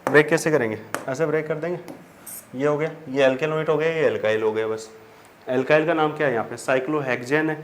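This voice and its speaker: Here a man's fairly high voice holds an even tone and moves a little quickly. He's giving a whiteboard chemistry lesson, explaining step by step, posing questions and then answering them, and calling his students children. There's a faint hum of background noise.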